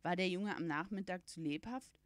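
A woman's voice: fairly low pitch, normal speed, dry recording, close to an everyday voice. A woman voicing a stern, worried middle-aged father who scolds in a read-aloud storybook. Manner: grave, scolding.

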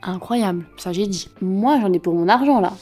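A woman's voice: mid-range voice, moderate pace, dark tone, faint music behind. A woman vlogging casually to a phone camera, chatty and slangy, with a blocked nose and congested throat. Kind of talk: casual vlog chat.

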